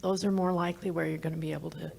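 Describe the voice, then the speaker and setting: Woman, American accent, low pitch, vocal fry, halting casual panel talk. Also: fairly even intonation, mellow. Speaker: restaurant operator, panelist.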